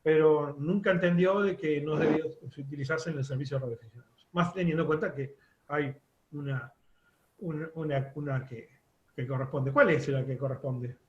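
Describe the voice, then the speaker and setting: A man's voice: fairly high pitch, moderate pace, reverberant, dull audio. A man teaching a radio course, explaining step by step with many fillers and restarts. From Uruguay. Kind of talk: online class lecture.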